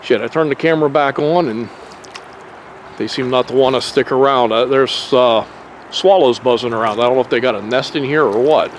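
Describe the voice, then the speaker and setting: A man casually narrating a nature hike outdoors by a creek, in a relaxed, rambling way with fillers and mild swearing, recorded on a handheld camera. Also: medium pitch, fairly quick, poor audio. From Pennsylvania. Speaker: nature vlogger. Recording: faint outdoor noise on a camera mic.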